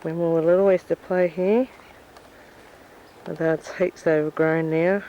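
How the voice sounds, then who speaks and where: An Australian woman walks through her family house and backyard on a home video, giving a chatty, reminiscing tour. Her voice sits on the low side, steady and mellow, at a normal speed. The camcorder microphone makes the audio dull, with a little hiss or hum.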